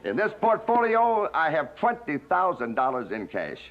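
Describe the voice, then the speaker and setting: A middle-aged actor playing a scheming, theatrical uncle who dodges with stammers and then speechifies grandly, in 1960s TV western acting. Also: male voice, on the high side, wildly swooping pitch, moderate pace, some chatter behind. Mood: grandiose. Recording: dull vintage TV soundtrack with music.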